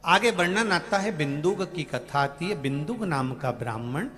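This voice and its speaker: A man's voice: fairly high pitch, lively intonation, normal speed, soft background music. Man preaching with sung verses. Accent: Madhya Pradesh Hindi. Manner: sings bhajan lines, then preaches with emphatic rising outbursts and soft drops. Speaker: kathavachak preacher. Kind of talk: devotional sermon with sung verses.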